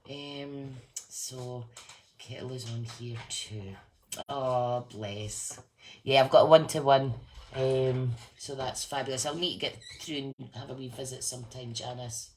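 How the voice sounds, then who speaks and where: Low-pitched Scottish woman with a Fife accent. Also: steady tone, a little slow, a little mellow. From west of Scotland. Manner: chatty, informal, addresses listeners as guys. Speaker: craft business demonstrator and team leader. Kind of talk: casual live chat to viewers. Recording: clearly noisy room recording.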